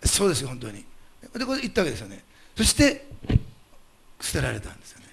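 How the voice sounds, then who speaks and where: A male pastor delivering a sermon, emphatic and animated, putting rhetorical questions to the congregation. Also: medium pitch, fast, vocal fry, a little hiss or hum.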